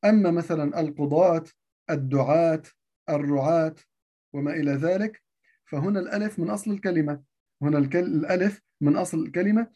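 A man's voice: a little high, brisk, warm tone. A man giving a grammar lesson, repeating each point and asking himself rhetorical questions before answering them. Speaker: teacher of Arabic grammar.

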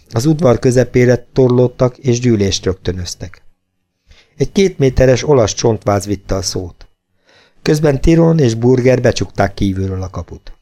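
A man narrating an audiobook in a steady, measured reading voice. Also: lowish voice.

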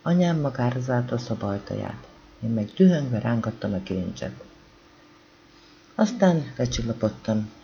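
A man with a gravelly voice reading a novel aloud as an audiobook narrator, calm and even, voicing the dialogue quietly. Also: medium pitch, muffled recording, a little hiss or hum. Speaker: audiobook reader.

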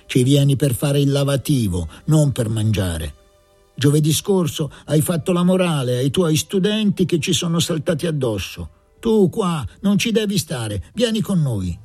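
A man's voice: fairly high pitch, lively intonation, a little slow, darkish tone, husky, soft background music, voice pushed up. Man putting on a raised bullying fascist squad leader. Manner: bullying, commanding. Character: menacing fascist squad leader, male adult.

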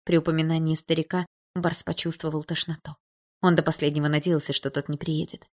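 A woman narrating a dramatic audiobook in a steady, subdued storytelling manner. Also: sits low, fairly quick.

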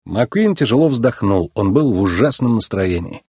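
Husky man reading a storybook. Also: fairly low pitch, moderate pace, dry recording, studio quality. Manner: lively, expressive reading. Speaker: narrator.

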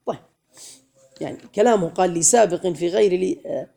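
A man teaching a classroom grammar lesson, quizzing his students with questions and chanting verse lines slowly. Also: high-pitched, vocal fry, warm tone.

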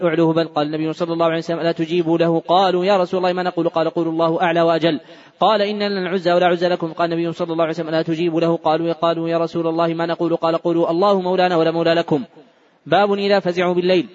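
Inside a large mosque, a man with a fairly high voice recites hadith text rapidly, going back to restart words he trips over. The recording has its highs cut off.

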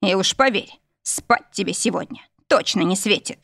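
A smug, teasing male demon husband from an audiobook romance, as a woman narrator reads his lines. He speaks in an even, middle-range voice, close and dry, with no room around it. His tone stays self-satisfied and playful. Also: medium pitch, moderate pace, creaky, dry recording. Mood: impatient.

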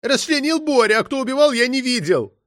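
A frightened male detainee in an audiobook, lisping and pleading in a high, strained voice as a male narrator voices him. The recording is close and dry. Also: lively intonation, brisk, a bit bright, no room sound. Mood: panicky pleading.

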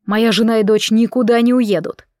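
A woman's voice: a little high, fairly even intonation, normal speed, darkish tone, dry recording, studio quality, natural voice. A woman reading the part of a stern, angry father who speaks bluntly in an audiobook.

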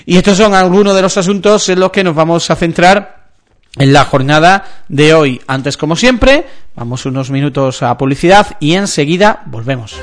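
A man hosting a radio sports segment, presenting news off the cuff and often halting to search for words. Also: fairly high pitch, lively intonation. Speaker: local radio sports host.

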